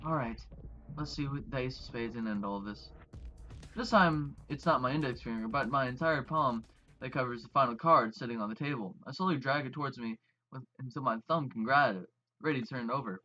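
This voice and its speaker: A man who plays video games for an audience, reading a visual novel's narration aloud slowly and evenly, with some restarts. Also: mid-range voice, sharp tone, dull audio. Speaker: let's-play gamer.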